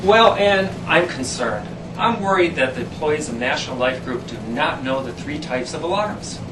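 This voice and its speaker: An echoey, slightly distant recording of a man hosting safety training. He speaks in an earnest, formal, scripted way at a slightly high pitch, with faint noise around him. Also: expressive, moderate pace.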